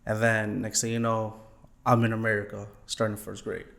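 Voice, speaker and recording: A man's voice: on the low side, monotone, normal speed, vocal fry, a bit bright. A young man from Thailand answering interview questions politely, often saying yes sir and um. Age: young adult. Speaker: guest, former college student.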